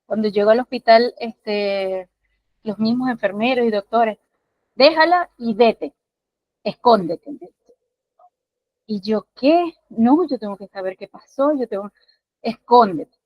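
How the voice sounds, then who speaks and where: A Venezuelan woman with a fairly high voice tells a personal testimony, earnest and halting, full of restarts and little fillers. The sound is dull and muffled, close and dry with no room around it. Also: no echo. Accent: Venezuelan (Maracaibo). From Maracaibo, Venezuela. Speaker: student sharing in class.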